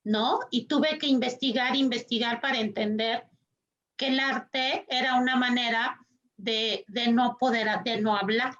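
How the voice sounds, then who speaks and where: Woman panelist, unhurried and a touch high, muffled video-call sound. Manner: slow, thoughtful, tag questions, animated quoting. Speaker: panelist, psychologist. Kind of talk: panel discussion talk.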